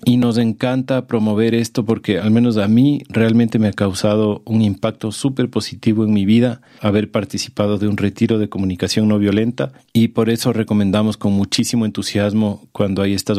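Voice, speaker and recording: A man's voice: on the low side, little pitch movement, moderate pace, few pauses, dark tone, no echo, studio quality. A man hosting a podcast, talking in a casual, enthusiastic and informal way. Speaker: podcast host.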